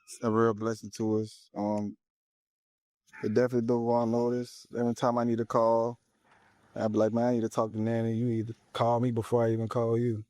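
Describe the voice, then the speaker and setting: A young man speaks softly and gratefully, his voice mellow and dark. His pitch barely moves. The sound is dry and close. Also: completely flat delivery, brisk, no room sound. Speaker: musician, guest. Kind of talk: casual interview talk.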